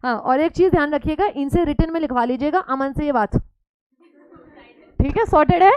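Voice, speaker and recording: High-voiced woman teaching a class. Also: normal speed, dry recording, highs cut off. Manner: mixes Hindi and English, teasing students. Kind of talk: classroom lecture.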